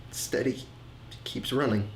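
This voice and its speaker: An actor playing a grieving man who speaks haltingly, repeating words and trailing off, in a film monologue. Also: a little hiss or hum, lightly acted. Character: grieving middle-aged man, haunted, hesitant. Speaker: man recounting family tragedy. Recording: roomy echo with faint ambience.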